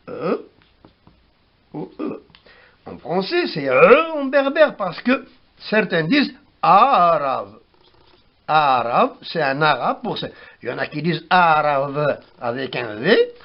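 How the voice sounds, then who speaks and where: A man giving a spoken language lesson, slowly repeating words to show how they are pronounced, on a dull lo-fi recording. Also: on the high side, sing-song, creaky. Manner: slow, repeats words for pronunciation. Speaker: language teacher.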